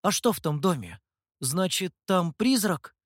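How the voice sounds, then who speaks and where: A shy little rabbit, wide-eyed and full of questions , as a male narrator puts him on. The voice sits slightly high and lively, dry and close to the mic. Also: a little slow, dry recording, full character voice. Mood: curious. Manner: eager and wondering. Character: timid curious young rabbit boy.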